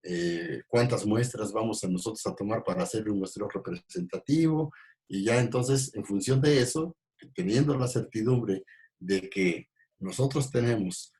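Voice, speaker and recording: A man gives an ecology lecture in a fairly low voice. He talks in halting stretches, full of fillers and restarts. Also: a little mellow. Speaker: ecology teacher. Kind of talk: recorded class lecture.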